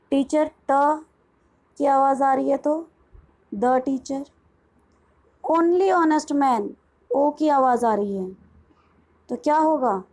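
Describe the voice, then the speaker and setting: A woman's voice: high voice, dark tone, rough recording. A woman teaching an English pronunciation lesson, mixing Hindi and English. She asks her students questions, answers them herself, and drawls out English phrases word by word. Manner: slows right down for English phrases. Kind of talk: bilingual classroom lesson.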